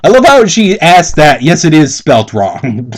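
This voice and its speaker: A man co-hosting a mocking dramatic reading of fan fiction speaks on the high side, in a sing-song, slightly slow way. He comments casually, giggling, stumbling over words, and swearing in exasperation.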